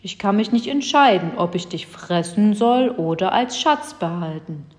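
A woman's voice: mid-range voice, lively intonation, natural voice. A woman doing a grumbling frost giant. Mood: grumbling puzzled. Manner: slow, grumbling speech. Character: huge gruff male frost giant, slow-witted. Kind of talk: children's story reading. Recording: long hall reverb.

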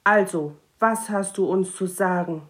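A woman's voice: on the high side, sing-song, a little slow, pitched above the performer's own voice. A woman voicing a brave, bossy young girl who talks in a firm, determined way. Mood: stern. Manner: firm and determined, then soft.

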